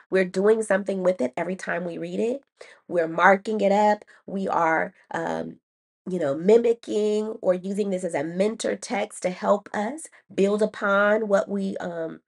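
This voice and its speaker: A woman educator hosting a podcast, explaining a writing lesson in a chatty way, laughing at herself, with many ums and restarts. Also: mid-range voice. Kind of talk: casual teaching talk.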